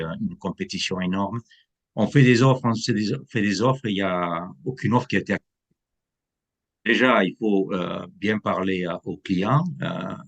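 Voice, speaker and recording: A man's voice: low-pitched, lo-fi sound. A man who is a real estate agent, from France, explaining the buying process in an interview and slipping English terms into his talk. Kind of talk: interview answers.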